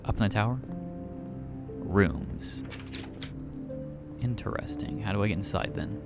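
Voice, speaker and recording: A man's voice: lowish voice, expressive, unhurried, loud music behind the voice. A man giving casual let's play commentary, thinking aloud and reading game notes. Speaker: gaming YouTuber.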